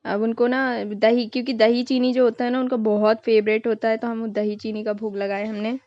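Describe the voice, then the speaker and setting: A woman's voice: fairly high pitch, little pitch movement, brisk, no room sound, highs cut off. A young woman vlogger narrating her family's festival video in a casual, chatty way, dropping in English words now and then.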